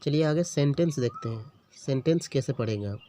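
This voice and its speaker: A man's voice: mid-range voice, lively intonation, brisk, dark tone, slight background noise. A man teaching a beginner language lesson, patiently sounding out letters and words one at a time and checking in with the learner often. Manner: repeats each word, checks in with the learner often. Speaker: Urdu teacher. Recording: dull lo-fi recording.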